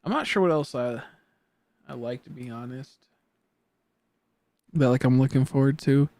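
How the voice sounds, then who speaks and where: A teenage boy chats loosely while he plays a game on stream, wandering from thought to thought and letting his words drop into mumbles. His voice sits at a middling pitch for a young man. The sound is dry and close, with no room around it. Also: moderate pace, darkish tone, no room sound. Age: teens. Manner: rambling, trailing off into mumbles. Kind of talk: casual chat while gaming.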